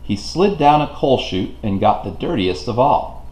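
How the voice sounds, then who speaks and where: A man narrates a picture book for small children. His delivery is highly animated, with deliberate phrasing and wide swings in a medium-pitched voice. The room adds a noticeable echo. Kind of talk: expressive read-aloud storybook narration. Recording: roomy, echoing home recording.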